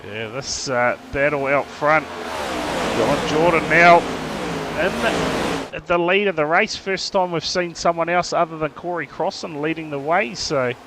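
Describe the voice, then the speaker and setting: A man's voice: fairly high pitch, measured pace, vocal fry. A man with a broad New Zealand accent giving casual, matey, slangy live motor racing commentary. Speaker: race commentator. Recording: loud engine noise throughout. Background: race car engines.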